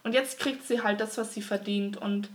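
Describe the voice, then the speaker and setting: A woman's voice: mid-range voice, fairly even intonation, moderate pace, recorded from a distance, a crowd in the background. A young woman co-hosting a podcast, chatting casually and gushing as she retells TV scenes with lots of fillers. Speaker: podcast co-host. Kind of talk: casual chat about a TV series.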